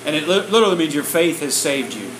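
A man delivers a sermon in short chunks, retelling it in a plain, conversational way with a slightly high voice. The room is roomy and echoes around him. A faint air-conditioner hum runs underneath. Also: animated, normal speed, fairly bright tone. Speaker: preacher. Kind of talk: sermon storytelling, paused for interpretation.

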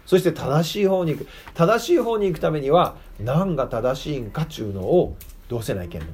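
Chatty preacher. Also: male voice, on the high side, animated, a little fast, a little mellow, slightly rough. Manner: chatty, asks the audience questions. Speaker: preacher teaching children. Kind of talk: casual children's sermon.

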